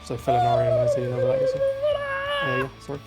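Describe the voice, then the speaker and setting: A man's voice: extremely high pitch, wildly swooping pitch, fast talker, over loud music. A man leading a raid group, patiently explaining positions step by step, heard over group voice chat. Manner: methodical, patient step-by-step calls. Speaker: raid leader.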